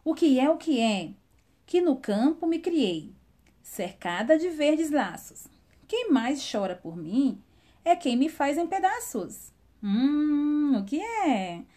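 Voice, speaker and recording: A woman's voice: high voice, very animated, slow pace, mellow, voice pushed up, heavily acted. A woman doing a teasing young riddler. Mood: playful riddling. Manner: singsong teasing riddle delivery. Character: clever charming young man asking riddles. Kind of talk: children's storytelling.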